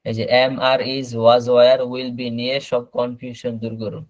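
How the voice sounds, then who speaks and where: A man teaching an online class, explaining slowly and repeating words over a video call. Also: medium pitch, flat delivery, dry recording, low-quality recording. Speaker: English teacher.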